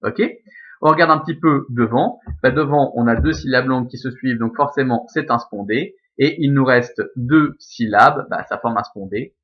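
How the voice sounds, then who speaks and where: A man's voice: medium pitch, normal speed. A man teaching Latin scansion in a recorded lesson, walking through each step methodically and checking in with his students often. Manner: methodical, counts aloud, frequent "ok?" and "hop". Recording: slightly dull lo-fi recording.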